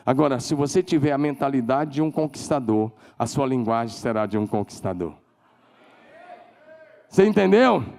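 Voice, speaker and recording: A man with a Brazilian Portuguese accent preaching a sermon as pastor, emphatic, leading call-and-response and climbing to shouted declarations. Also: medium pitch, fairly even intonation, brisk, hardly any pauses. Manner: leads the congregation in call-and-response.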